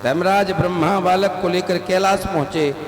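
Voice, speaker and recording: High-voiced man preaching in an echoey hall. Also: steady tone, moderate pace, a crowd in the background. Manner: storytelling, acting out dialogue of figures. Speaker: katha preacher. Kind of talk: devotional katha sermon with sung verses. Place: large outdoor katha venue with loudspeakers. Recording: echoey live hall sound with music.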